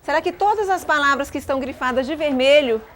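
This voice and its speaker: A Brazilian woman teaching a class of pupils, patiently asking guiding questions and filling her pauses. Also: high-pitched, fairly bright tone, slight background noise. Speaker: schoolteacher.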